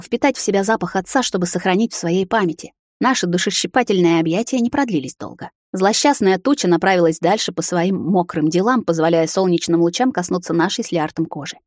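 A woman reading a romantic fantasy novel aloud in the first person, soft and even. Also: fairly low pitch, no room sound, clean studio sound. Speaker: audiobook reader. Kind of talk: scripted first-person narration.

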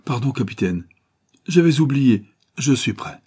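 A man voicing an excitable, absorbed male scientist in an audiobook reading, with eager exclamations. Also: low voice, moderate pace, slightly rough. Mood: resolute.

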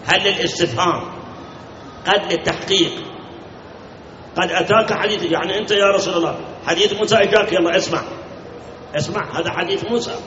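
Man preaching, high pitched, emphatic, repeats words, asks the crowd questions; distant mic, echoey hall, lo-fi. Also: fast, long pauses, bright, forceful tone, slight background noise. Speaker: cleric. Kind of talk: sermon.

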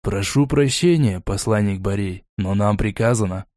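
A man voicing a calm, cunning male envoy who speaks in a low, quiet, insinuating, mentor-like tone. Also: moderate pace, dry recording, clean studio sound, close to an everyday voice.

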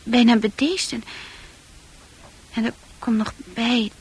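Playing an uncertain, troubled teen girl for a radio drama, a woman delivers her lines slowly in a high, husky, breathy voice, hesitant and intimate, frequently sinking almost to a whisper. The performance is heavily acted, shy and tender, and the recording quality is low.

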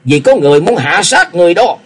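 A man's voice: sits high, big pitch swings, fast, breathy edge, voice pushed up, exaggerated voice. A man voicing a cackling mocking old martial wanderer. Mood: scolding. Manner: loud, cackling, taunting.

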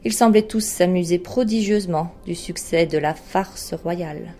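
A woman narrating a literary short story in a measured, expressive audiobook reading. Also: on the low side, faint music behind.

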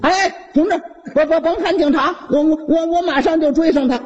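Earnest helpful cyclist with a Beijing accent, stammering and calling out high, played by a male storyteller. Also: a little fast, in a large hall, dull audio, background noise. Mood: reassuring. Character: earnest, helpful man on a bicycle.

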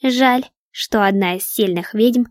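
A woman reading a story aloud, voicing a scheming, sarcastic dark witch who mocks and hisses. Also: a little high, a little slow, dry recording, studio quality, natural voice. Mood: cold. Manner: mocking, hissing.

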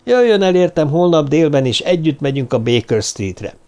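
Brisk eccentric detective, lively and sure of himself, a man voicing him in an audiobook, pitch rising and falling. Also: smooth. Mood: cheerful. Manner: lively, self-assured, slightly fussy. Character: Sherlock Holmes, brisk eccentric male detective. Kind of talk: audiobook character reading.

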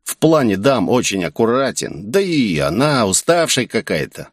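A man voicing an excitable young man who talks in slangy bursts and thinks he is a gangster. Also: fairly low pitch, moderate pace, no echo, studio quality, voice pushed up. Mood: excited. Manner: excited, rambling street slang.

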